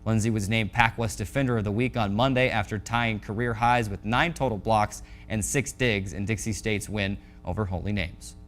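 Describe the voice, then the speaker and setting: An American sports show host and play-by-play voice reads a scripted score recap with polished announcer delivery. His voice is fairly low and fairly bright, with fairly even intonation, normal speed and hardly any pauses. Soft music plays in the background.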